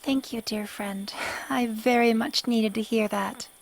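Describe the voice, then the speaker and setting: A woman's voice: on the high side, steady tone, unhurried, creaky. A woman voicing a lonely, bitter pony princess of the night in a radio drama, speaking in formal, sorrowful diction. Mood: gently grateful. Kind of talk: fan-made radio drama acting.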